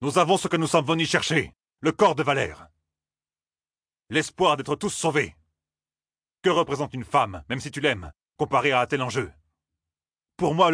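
A man's voice: a little high, fairly bright tone, no room sound, studio quality, voice pushed up. A man reading an audiobook, voicing a torn, defiant young male hero who argues with passion.

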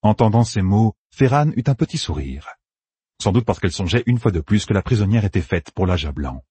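A man reads a fantasy audiobook in a husky, breathy voice, rising and falling with lively drama. The recording is dry and close, with no room sound. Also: fairly low pitch, a little fast, dry recording. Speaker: narrator.

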